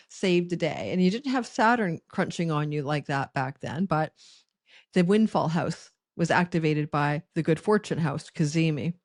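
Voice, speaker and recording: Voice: medium pitch, dry recording, clean studio sound. An astrologer giving a forecast monologue in a rambling, conversational way, with frequent restarts and asides.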